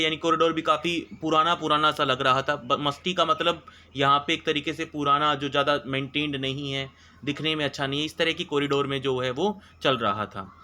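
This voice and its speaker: A man teaching a textbook chapter. He reads English lines slowly, then explains each one at length and checks in often with filler words. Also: fairly high pitch, bright, forceful tone.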